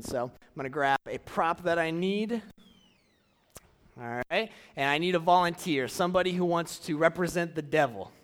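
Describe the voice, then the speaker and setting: A young man preaching casually to a church audience, drawing out key phrases slowly and running a live object lesson. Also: a little high, fairly bright tone. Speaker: youth pastor.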